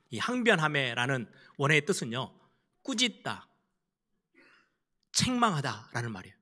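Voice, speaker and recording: A male pastor preaching a sermon, emphatic and animated, acting out the people in his story. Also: on the high side, in a large hall. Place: church sanctuary.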